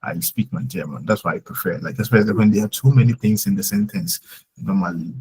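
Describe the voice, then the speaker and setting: A man leads a live online German lesson in a loose, casual way. His voice sits a little low and sounds very breathy and husky. He circles back often, restarting sentences with fillers as he explains. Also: lively intonation, fast talker, a little mellow, low-quality recording. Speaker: German teacher.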